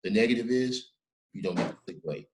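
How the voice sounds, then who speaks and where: A man's voice: fairly low pitch, expressive, fairly quick, low-quality recording. A middle-aged man hosting a podcast, chatting casually and emphatically with his guest, often tossing in "man". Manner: emphatic, peppers speech with "man". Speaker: podcast host. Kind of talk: casual interview chat.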